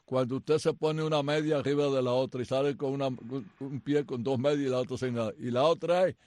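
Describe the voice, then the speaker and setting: A man's voice: medium pitch, steady tone, brisk, darkish tone, no echo. An older man co-hosting a sports radio show, telling rambling anecdotes in casual banter from the studio. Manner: chatty storyteller, rambling anecdotes.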